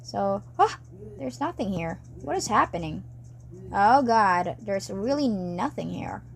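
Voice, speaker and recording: A woman talking to herself while animating on a tablet, rambling, cheering herself on and breaking into excited outbursts. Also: fairly high pitch, a little hiss or hum. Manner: rambling, self-encouraging, chatty with sudden excited outbursts. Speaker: animator narrating her work. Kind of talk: casual talk while drawing.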